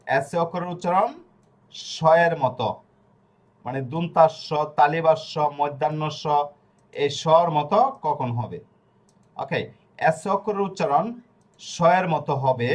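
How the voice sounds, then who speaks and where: A man with a somewhat high voice teaches a language lesson. He goes over each rule again and again and poses questions that he answers himself. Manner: repeats each point slowly, asks and answers his own questions.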